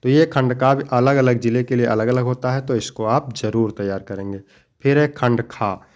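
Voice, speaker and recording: A young man teaching an exam-prep lesson, explaining each answer step by step, slowing down to stress key points and calling his students dear children. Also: mid-range voice, fairly even intonation, a little mellow. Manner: explains each answer step by step, then reads the next question; addresses students fondly.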